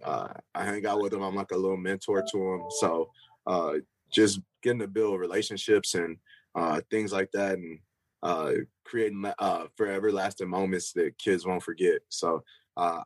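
A young football player answers interview questions casually in a low-pitched male voice, loose and rambling, with plenty of fillers and restarts. The recording is low-quality and has no room sound.

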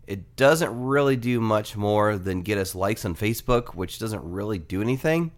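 A man with a nasal, fairly low voice talks through a casual plug for his podcast. He jokes and drifts into quick asides as he goes. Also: lively intonation. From Atlanta area. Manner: joking, conversational, asides. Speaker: podcast host. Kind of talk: casual promo read.

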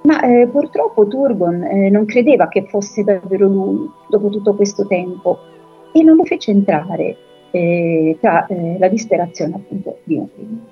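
A woman tells an old fantasy story, stopping often to gather her thoughts and reading passages aloud from the book. Her voice has a breathy, slightly raspy edge. The recording is dull and lo-fi, with soft music underneath. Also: medium pitch. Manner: unhurried, pauses often with filler sounds while she explains.

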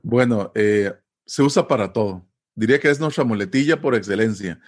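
A man from Costa Rica with a Costa Rican accent, explaining in a relaxed, patient way as an interview guest, often pausing with fillers and tag questions. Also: on the low side. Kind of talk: casual conversational explanation.

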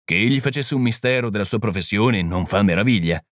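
A man reading the part of a small, gentle priest-detective who explains things calmly and patiently. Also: on the low side, a little fast, no echo, studio quality, lightly acted. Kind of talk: audiobook reading.

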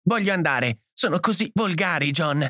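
A man voicing a distraught young mother, pitching his voice high and letting it break as she sobs. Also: very animated, moderate pace, dry recording, clean studio sound. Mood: pleading.

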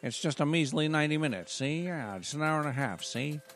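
A man's voice: on the high side, animated, fairly quick, fairly bright tone. A man voicing a pushy gangster cat who ends every line with "see?". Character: smooth-talking male gangster cat, pushy tout.

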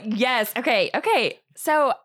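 A woman's voice: a little high, lively intonation, fairly bright tone. A woman guest on a podcast, telling a story in casual chat, laughing often and stopping and starting. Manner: laughing, halting, quick bursts.

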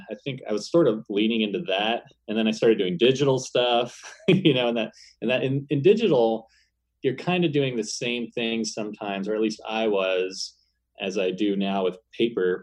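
A man, a paper cutout animator, talking casually in a relaxed, rambling way with frequent laughter. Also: fairly low pitch, moderate pace, low-quality recording. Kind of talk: casual conversation.

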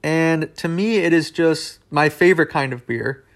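A young man hosts a solo podcast, talking casually and wandering into asides as he goes. His voice sits a little higher than most men's. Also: a little slow. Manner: rambling and conversational, with asides. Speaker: podcast host.

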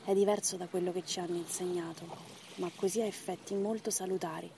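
A woman leading a guided breathing meditation as instructor, in short measured phrases and counts with pauses between them. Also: on the low side, steady tone, dark tone, a little hiss or hum.

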